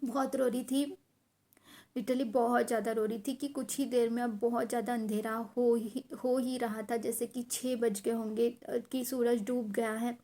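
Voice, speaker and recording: Young woman, storytelling, emotional, repeats herself for emphasis, somewhat high voice. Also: little pitch movement, moderate pace, dark tone. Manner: emotional, repetitive, mixes English words into her speech. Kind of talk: casual personal storytelling.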